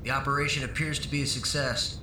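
Drama doctor, male actor: cautious, reluctant, roomy echo, clear ambient noise. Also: medium pitch, fairly even intonation, fast, natural voice. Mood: uneasy. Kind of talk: scripted audio drama acting. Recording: echoey, distant, clearly noisy ambience.

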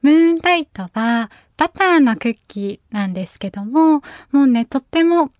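A woman from Nagasaki hosting a late-night radio show, talking gently and politely, now and then tripping over her words and laughing it off. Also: sits high, animated, moderate pace, no echo, clean studio sound. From Nagasaki, Japan. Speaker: radio show host and pianist. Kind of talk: soft-spoken late-night radio talk.

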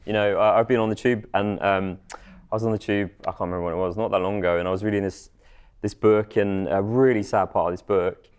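A man's voice: fairly low pitch, fairly even intonation, a little fast, a little mellow, clear, resonant tone. A man speaking candidly about personal experiences as a guest on a discussion panel.

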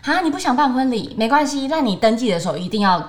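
A woman's voice: on the high side, big pitch swings, quick pace. A young woman in her twenties with a Taiwanese Mandarin accent, co-hosting a casual podcast and telling a story animatedly, acting out what others said. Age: 20s. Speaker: podcast co-host.

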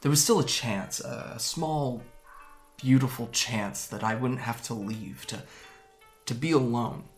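An actor playing a guarded young man from Japan, quietly recounting how he fled home in an audio drama. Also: mid-range voice, soft background music, close to an everyday voice. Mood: somber. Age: young adult. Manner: soft, hesitant storytelling with halting restarts. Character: young man, guarded and wry, recalling his escape. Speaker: interviewee.

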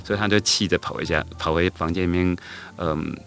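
With faint music behind him, a middle-aged elementary school teacher on a podcast spins a story without hurry, hesitating with fillers and restarting often. His voice is deep and a bit bright, his intonation fairly even, and his pace a little fast.

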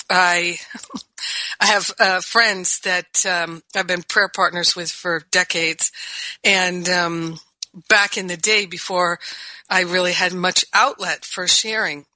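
A woman's voice: on the low side, pushed and bright, no room sound, rough recording. A woman hosting a spiritual radio talk show, speaking with gushing enthusiasm and laughing often.

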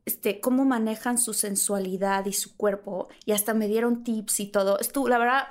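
A woman with a Mexican accent telling an animated anecdote in a casual chat, laughing often and jumping high to act out the voices of the people she quotes. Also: moderate pace. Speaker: guest.

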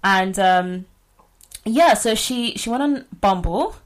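A woman's voice: medium pitch, expressive, slow. A woman with a British accent casually telling stories and chatting as a podcast co-host. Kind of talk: casual storytelling and chat.

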